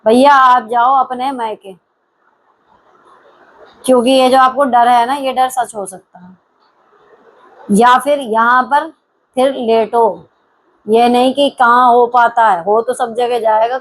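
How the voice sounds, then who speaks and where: Frank middle-aged woman, slightly high voice. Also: low-quality recording. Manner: frank, blunt, talks straight to the viewer; mixes English words into her speech. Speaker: host answering viewer comments. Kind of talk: casual advice chat.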